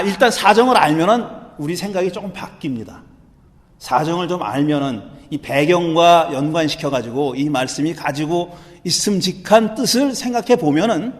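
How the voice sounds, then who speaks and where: A male pastor gives a sermon in a conversational, animated storytelling manner, acting out quotes. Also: high-pitched, big-room sound. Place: church sanctuary.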